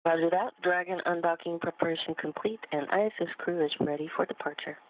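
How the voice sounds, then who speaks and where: A woman astronaut making brisk, procedural calls over a breaking-up space-to-ground radio link. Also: fairly low pitch, no room sound. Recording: tinny, distant, narrow-band radio from orbit.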